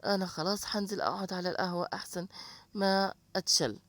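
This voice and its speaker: A woman's voice: mid-range voice, fast talker, fairly bright tone, dry recording, close to an everyday voice. A woman with an Egyptian accent voicing a stern middle-aged father who lectures his daughter in a spoken story.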